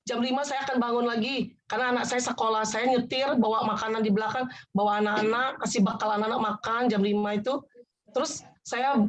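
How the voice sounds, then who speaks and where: A woman's voice: a little high, poor audio. A woman sharing her personal testimony in an earnest, rambling conversational way, often restarting and addressing her listener politely. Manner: rambling, repeats herself and restarts.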